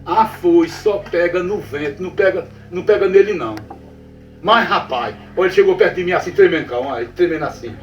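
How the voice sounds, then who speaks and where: A man with a Northeastern Brazilian accent tells a backlands ghost tale in a rather high voice, going back over his own phrases and checking in with his listener. He sounds a little far from the mic in a roomy space, with faint music underneath. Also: a little fast, muffled recording. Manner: repetitive, checks in with the listener often. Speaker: storyteller. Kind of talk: spoken folk tale told to a listener.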